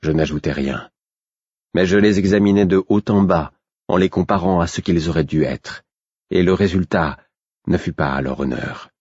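A man reading a fantasy novel aloud in the first person, steady and restrained, in a slightly dull recording. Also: sits low, moderate pace, husky, no room sound. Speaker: audiobook narrator. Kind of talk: scripted narration of a fantasy novel.

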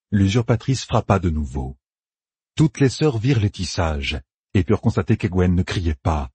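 A man narrating a fantasy audiobook with lively, dramatic reading. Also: low voice, breathy edge, dry recording.

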